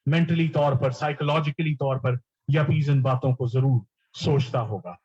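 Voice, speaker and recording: A man's voice: mid-range voice, darkish tone, husky, highs cut off. A man preaching a sermon, explaining scripture and repeating key words, often mixing English terms into his teaching.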